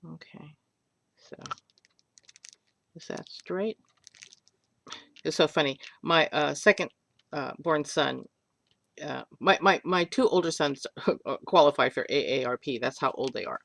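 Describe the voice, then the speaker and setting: Older lady doing a clay tutorial on her webcam, slow and gravelly, jokey and rambling. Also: deep voice, a bit bright. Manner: rambling, joking, self-deprecating. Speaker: polymer clay artist teaching. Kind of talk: chatty craft tutorial.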